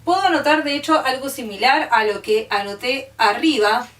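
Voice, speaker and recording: In a classroom, an Argentine woman explains music patiently, one step at a time, asking "¿sí?" to make sure her students follow. She speaks at a moderate pace in a high-pitched, slightly bright voice, picked up by a distant mic in a roomy space.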